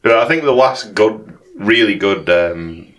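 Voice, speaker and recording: Blunt, sweary low-voiced man. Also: unhurried, fairly bright tone. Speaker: podcast co-host. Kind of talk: casual chat over drinks.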